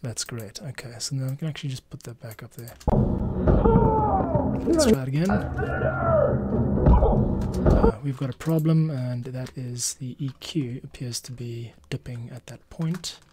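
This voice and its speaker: With lively intonation and a measured pace broken by frequent pauses, a middle-aged podcast audio editor and streamer chats through his editing work. His voice sits in the mid range, recorded on a close arm-mounted mic in a small home studio amid heavy background noise and distinct keyboard and mouse clicks.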